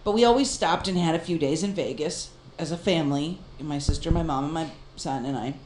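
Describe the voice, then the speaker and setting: A woman co-hosting a casual chat, telling a story in an animated way and laughing often. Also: low-pitched, fairly quick, reverberant, slight background noise. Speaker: podcast co-host.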